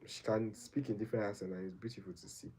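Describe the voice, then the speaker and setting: Fast-talking and steady, with a lowish, slightly mellow voice and a breathy edge, this young Nigerian livestream host answers viewers' questions. His advice is earnest and meandering, full of repetition and sentence-ending "right?"s.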